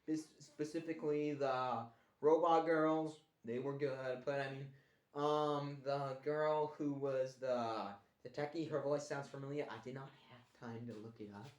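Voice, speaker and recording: A man's voice: medium pitch, steady tone, unhurried. A man casually reviewing a cartoon show in a put-on Australian accent, rambling and restarting his sentences. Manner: rambling with restarts, mock-complaining. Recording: echoey room.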